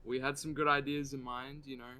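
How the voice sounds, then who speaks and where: An Australian man chats casually with his co-host as they draw, slipping in dry, deadpan jokes. His voice is bright and forward, sitting at a middle pitch for a man. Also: fairly quick, clear, resonant tone. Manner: dry, jokey asides. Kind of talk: casual chat while drawing.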